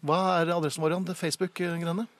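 A man co-hosting a comedic radio show in a studio, teasing his partner with quick questions. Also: on the high side, flat delivery, dry recording. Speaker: radio host. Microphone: studio microphone.

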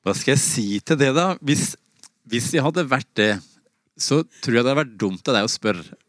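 A man's voice: mid-range voice, expressive, a bit bright, no room sound, studio quality. A man, a meteorologist guest on a radio interview, answering with wry humor and some hesitation.

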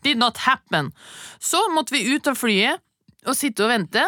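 A young woman from central Norway, co-hosting a chat show and telling a story in a lively way, acting out the people in it. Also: a little high, no room sound, studio quality. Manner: lively, acts out quoted people, mixes in English phrases and swearing. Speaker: podcast co-host. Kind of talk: casual chat, animated storytelling.

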